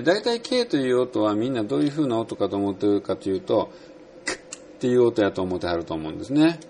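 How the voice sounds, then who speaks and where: A man's voice: mid-range voice, vocal fry, a little mellow, a little hiss or hum. A man with a Kansai accent giving a casual spoken English pronunciation lesson, chatting along and demonstrating sounds aloud. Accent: Kansai Japanese.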